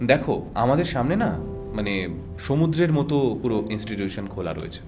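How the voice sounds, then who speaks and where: A man's voice: mid-range voice, expressive, moderate pace, over music. A man who works as a radio jockey and voice artist, giving earnest advice in a podcast conversation, with a Bengali accent and rhythmic, emphatic repetition.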